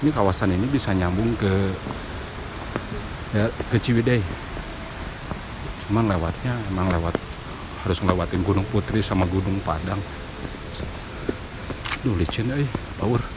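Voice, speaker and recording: A man's voice: low voice, moderate pace, pauses often. A man giving casual commentary as host of an outdoor night exploration vlog. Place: outdoors on a steep forest trail at night. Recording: very noisy outdoor night recording. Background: loud crickets and night insects.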